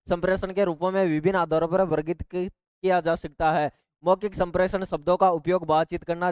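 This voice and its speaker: A male tutor runs through exam points, checking in with rhetorical questions and little asides. His voice sits high and sounds smooth and clear. The recording is dry and slightly muffled. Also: darkish tone, dry recording. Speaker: teacher. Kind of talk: exam-prep lecture.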